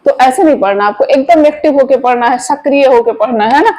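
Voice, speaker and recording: High-voiced woman teaching chemistry. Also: a little mellow, poor audio. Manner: chatty, asks the viewers quick questions; coaxing and informal with students. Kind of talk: online video lesson.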